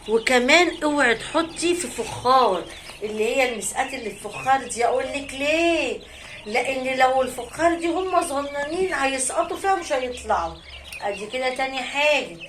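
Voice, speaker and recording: High-voiced chatty Egyptian woman. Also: fairly bright tone, a little hiss or hum. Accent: Egyptian Arabic. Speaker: channel host raising poultry. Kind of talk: casual how-to vlog.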